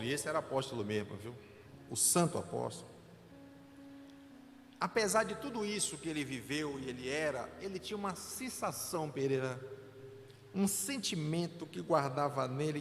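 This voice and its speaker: A man's voice: fairly high pitch, big-room sound. A man, a pastor preaching a sermon with an earnest, emotional personal testimony. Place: church sanctuary.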